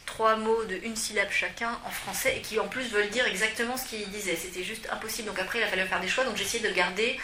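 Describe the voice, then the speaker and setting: A woman's voice: medium pitch, fairly even intonation, fast talker, hardly any pauses, sharp tone. A woman, a translator, explaining her choices directly at a public talk. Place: room at a public event. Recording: echoey room, faint noise.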